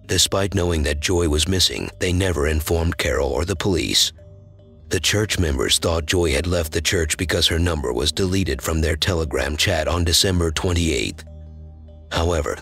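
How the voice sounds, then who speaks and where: A man narrating a true-crime documentary from a script in an even, solemn way. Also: sits low, vocal fry.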